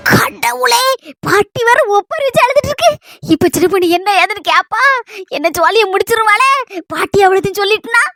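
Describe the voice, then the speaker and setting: A woman with a Kanyakumari Tamil accent who chatters through a comic village skit, blurting everything out with a playful stammer. Her voice is very high and bright, and her words tumble out fast. The sound is dry and close. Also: expressive, no room sound, faint music behind. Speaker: comedy skit performer.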